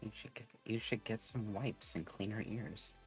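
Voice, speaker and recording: A man's voice: lowish voice, normal speed, poor audio. A man co-hosting a casual live stream, making dry joking remarks. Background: faint background music.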